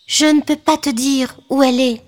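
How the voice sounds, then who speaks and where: A woman's voice: high voice, steady tone, moderate pace, natural voice. A woman voicing a scrappy, tomboyish little fairy girl, earnest and a bit scolding. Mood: worried. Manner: earnest, scolding, explains patiently.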